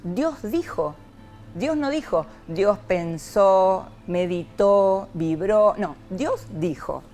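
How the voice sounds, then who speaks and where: A woman's voice: medium pitch, very slow, faint music behind. A woman from Argentina, a psychologist talking expressively as an interview guest. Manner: expressive, lively, frequent rhetorical "¿no?". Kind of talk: reflective interview talk.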